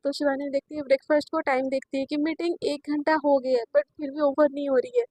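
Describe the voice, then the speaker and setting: High-voiced woman casually telling a story. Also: quick pace, mellow, no echo. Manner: chatty, filler-heavy retelling.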